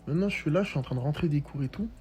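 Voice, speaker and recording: A man's voice: a little high, rapid-fire, a little mellow, faint music behind. A young man casually retelling a personal story in street slang, full of fillers.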